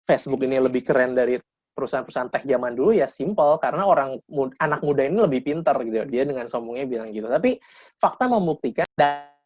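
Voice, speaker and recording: A man's voice: medium pitch, animated, quick pace, a little mellow, no room sound. A man in his thirties giving a casual webinar talk to young people, lecturing informally with frequent restarts. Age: 30s. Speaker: guest speaker. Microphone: video call. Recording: dull lo-fi video call audio.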